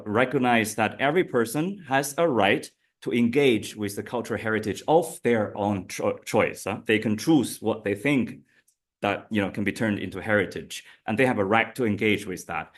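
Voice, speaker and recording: A man from China with a Chinese accent giving an academic conference talk. He speaks carefully and hesitantly, often restarting his phrases. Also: medium pitch. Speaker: conference presenter. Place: conference hall.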